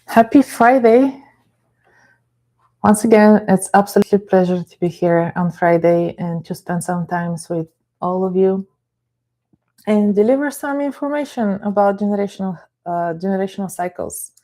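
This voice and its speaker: This is a live-streamed talk by a middle-aged Bulgarian therapist and life coach whose calm, explanatory manner includes greeting viewers by name. She has a medium pitch and speaks at an ordinary pace.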